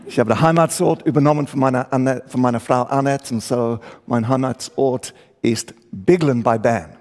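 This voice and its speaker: In a church hall, a guest preacher from England delivers a sermon in German with an English accent, searching for words and mixing in English. His voice is medium-pitched and darkish, at a normal speed.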